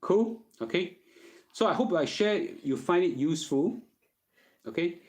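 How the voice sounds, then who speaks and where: A man's voice: high-pitched, lively intonation, measured pace, darkish tone. A middle-aged man with a Singaporean accent chats casually as a host answering questions, using colloquial Singlish phrasing and often checking in with "okay?". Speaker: host giving personal finance advice.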